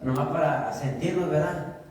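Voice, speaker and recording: A man with a high voice preaches to his congregation, weaving humorous stories into the sermon. He often asks the room a question and answers it himself, and he slows right down on the words he wants to land. He is heard from a distant mic in a church hall that rings with strong echo. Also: steady tone, crowd noise. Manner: slows down for emphasis on key phrases. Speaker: pastor. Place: church sanctuary.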